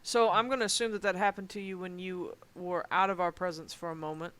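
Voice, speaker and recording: A woman playing her character in a tabletop game, talking thoughtfully and deliberately. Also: on the low side, steady tone, fairly bright tone, a little hiss or hum. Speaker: player. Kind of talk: in-character tabletop role-play.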